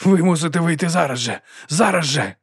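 A jittery, penny-pinching promoter, as a male reader puts him on, voice pushed up high and tight. He babbles fast about costs and shrinks at any talk of giving things away. Storybook reading, dry close sound. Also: no echo. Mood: nervous. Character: nervous greedy male concert promoter.

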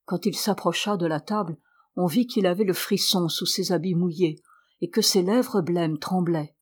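A woman reading a classic novel aloud in steady, measured narration. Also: on the low side, slightly rough. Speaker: audiobook reader. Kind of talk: scripted narration.

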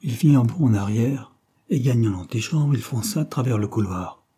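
A man narrating a romance novel in a measured, even storytelling manner. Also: mid-range voice, breathy edge. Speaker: audiobook narrator.

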